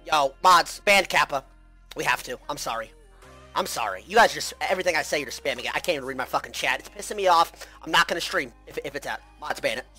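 Loud profane male game streamer. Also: a little high, animated, quick pace, soft background music. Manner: loud, profane, erupts into shouting. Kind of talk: gaming livestream talk.

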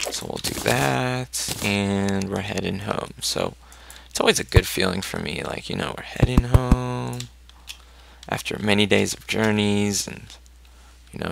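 In a noisy home recording dominated by loud keyboard clicks and typing, a male let's play gamer with a fairly low, creaky voice chats casually about his own gameplay. He thinks out loud and roots for his character.

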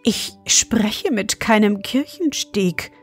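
A woman voicing a haughty, quick-tempered young bride in a fairy tale, with a sharp, scolding manner. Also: medium pitch, lively intonation, faint music behind. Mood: evasive.

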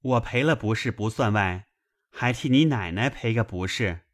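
A man's voice: on the low side, moderate pace, lightly acted. A man voicing a sheepish young nobleman apologizing to his wife and her maid.

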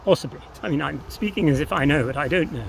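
Speaking fast in a slightly high voice, an older man answers interview questions outdoors on open grassland by a path. Ambient noise is clearly audible in the recording. He sets out his ideas in a reflective, tentative, philosophical manner.

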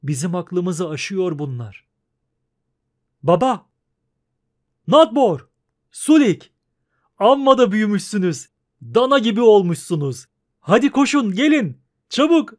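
Yurga, a man doing a loud boisterous merchant. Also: sits high, moderate pace, natural voice. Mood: joyful. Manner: loud, boastful and exclamatory. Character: boisterous middle-aged male merchant.

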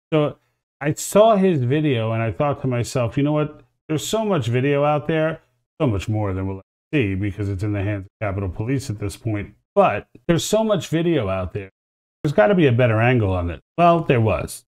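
A man's voice: medium pitch, a little mellow. A man in his forties hosting a political commentary show, speaking earnestly and with emphasis to camera from a home studio.

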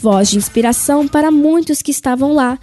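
A woman reading a scripted news report as a voice-over, in a smooth, measured delivery. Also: high-pitched, warm tone, faint music behind.

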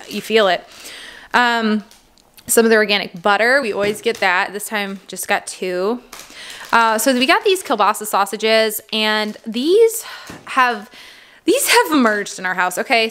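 A woman's voice: mid-range voice, expressive, unhurried, fairly bright tone. Casual female vlog host, 30s, friendly chatter full of "um"s and small laughs, talking over groceries at home. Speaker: vlog host, mother of a large family. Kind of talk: casual grocery haul chat. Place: indoors at a home table.

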